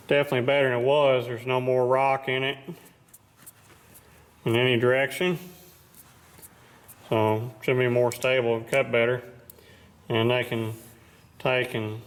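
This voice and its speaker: A man talking as a machinist casually explaining his workshop job in a modest, plainspoken, matter-of-fact way. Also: mid-range voice. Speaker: machinist presenting his repair work.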